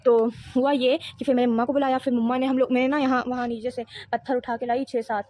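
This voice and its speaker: A woman's voice: high voice, little pitch movement, quick pace, warm tone. A teenage girl telling a rambling, giggly storytime in a casual vlog. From Pakistan. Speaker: vlogger.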